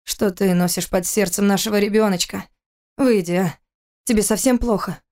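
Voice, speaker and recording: A woman's voice: mid-range voice, normal speed, darkish tone, close to an everyday voice. A woman reading a young husband. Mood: tender. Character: young husband, tender then demanding. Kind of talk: audiobook character reading.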